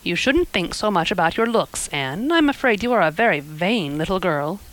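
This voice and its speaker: A woman's voice: fairly low pitch, sing-song, normal speed, fairly bright tone, low-quality recording. A woman reading aloud, voicing a stern, severe middle-aged woman who speaks curtly. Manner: curt, severe.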